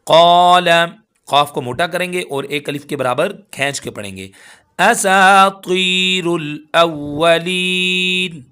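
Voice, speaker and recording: A man teaching Quran tajweed, reciting verses slowly and breaking them into syllables before explaining each rule. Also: medium pitch, animated, pushed and bright. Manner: slow drawn-out chanting for recited verses. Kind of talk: tajweed lesson with slow recitation.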